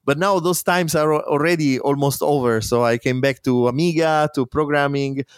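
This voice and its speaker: A man's voice: fairly high pitch, moderate pace, clear, resonant tone, dry recording, clean studio sound. A man in his forties with an Italian accent, a guest telling stories in a casual interview, laughing often and restarting his sentences. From Italy. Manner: lively storyteller, laughs often, frequent fillers and restarts. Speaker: guest, musician and programmer.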